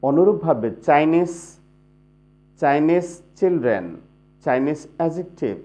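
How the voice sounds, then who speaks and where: A man with a fairly high voice teaches English grammar, explaining each rule step by step. He says each example word twice so the pronunciation comes through. The recording sounds dull and lo-fi. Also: lively intonation, dark tone. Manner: explains slowly, repeats example words for pronunciation. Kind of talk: spoken grammar lesson.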